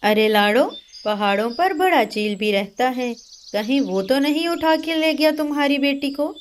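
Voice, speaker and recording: A woman voicing a gruff bird with a lowered voice in a cartoon. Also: measured pace, a little hiss or hum. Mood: ominous.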